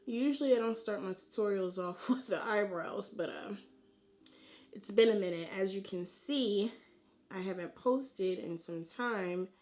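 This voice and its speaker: A woman's voice: medium pitch, unhurried, darkish tone. Casual, chatty woman doing a makeup tutorial. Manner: informal and slangy, talking to viewers like friends while applying makeup. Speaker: beauty vlogger.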